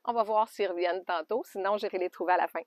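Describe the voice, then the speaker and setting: A woman with a Québécois French accent chatting casually in a knitting podcast, homey and loose, with soft laughs. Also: medium pitch, fast talker, no room sound, studio quality. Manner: chatty, homey, often laughs softly and adds little fillers. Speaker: knitting podcaster and alpaca farmer. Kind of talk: casual show-and-tell chat. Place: outdoors by an alpaca pen.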